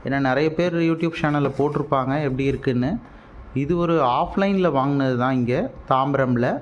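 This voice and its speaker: With a mid-range voice and a moderate pace, a man with a Tamil Nadu accent explains things casually for an unboxing vlog as a product reviewer, dropping English words in. The highs are cut off, and noticeable steady background noise is present.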